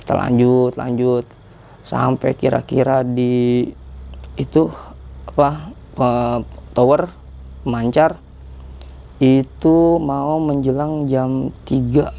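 Gravelly, mellow-voiced man telling a story. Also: medium pitch, little pitch movement, slow, pauses often. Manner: chatty, rambling, with many filler tags. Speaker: guest telling a hiking story. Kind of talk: casual podcast storytelling.

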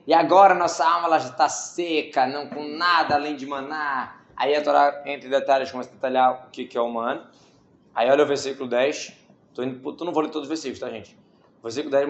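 A man teaching a casual Bible study class, reading verses aloud and adding joking asides and quick rhetorical questions. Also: fairly high pitch. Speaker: Torah teacher. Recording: echoey room, dull lo-fi sound, faint hiss.

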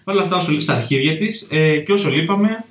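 A man's voice: a little high, animated. A young man from Alexandroupoli co-hosting a casual podcast, telling stories in a rambling, self-correcting, profane way. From Alexandroupoli, Greece. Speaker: podcast co-host, comedian. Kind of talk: casual chat. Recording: echoey room, mic at a distance.

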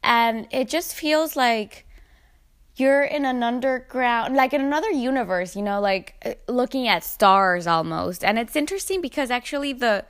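A woman chatting in a relaxed way about a trip, with fillers. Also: on the high side, normal speed, smooth. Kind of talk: casual travel chat.

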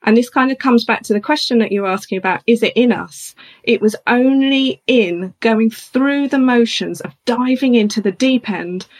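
Woman coach telling a story on a podcast, animated, lots of voice changes. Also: fairly high pitch, moderate pace. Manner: animated, acts out other people's voices in her anecdotes. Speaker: guest, speaker and coach. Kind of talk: conversational storytelling.

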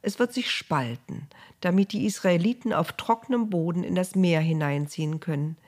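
A woman's voice: fairly low pitch, moderate pace, darkish tone, natural voice. A woman voicing God, giving firm commands to a leader. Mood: commanding. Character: commanding divine male voice.

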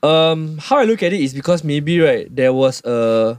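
A man's voice: fairly high pitch, lively intonation, moderate pace, clean tone, no echo. A Singaporean man chatting casually with friends in colloquial Singlish, using local particles. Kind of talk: casual group chat.

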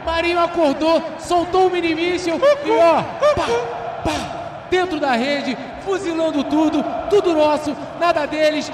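A man's voice: extremely high pitch, steady tone, measured pace. A Brazilian man giving exuberant, slangy football commentary full of repeated catchphrases. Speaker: football commentator reacting after goals. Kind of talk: excited colloquial match commentary. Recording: echoey, with faint noise and crowd. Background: stadium crowd.

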